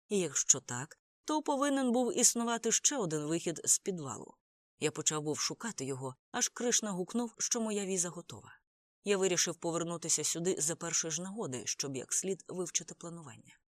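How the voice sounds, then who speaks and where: An audiobook narrator reading a first-person novel in a measured, steady storytelling manner. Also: medium pitch, no echo.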